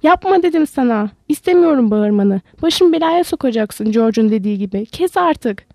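A woman's voice: on the high side, fairly quick, warm tone, no echo, studio quality. A woman voicing a big simple-minded man who talks like a frightened child, pleading in a raised voice.

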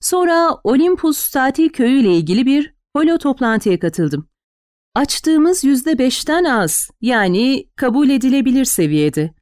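A wealthy, wry man teases his partner with dry playfulness, voiced by a woman narrator. The delivery keeps a lively, rising-and-falling melody. It sounds close and dry, with no room around it. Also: sits high, measured pace, dry recording, pitched above the performer's own voice. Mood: matter-of-fact. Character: wealthy teasing adult man, smooth and wry.

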